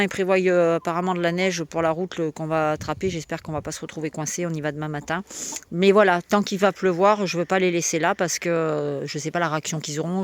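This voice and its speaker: A woman chatting casually to her viewers while tending her hens outdoors, talking spontaneously and cooing fondly at the birds. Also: fairly low pitch. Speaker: backyard poultry keeper vlogger. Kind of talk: casual vlog chat. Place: outdoors by a henhouse.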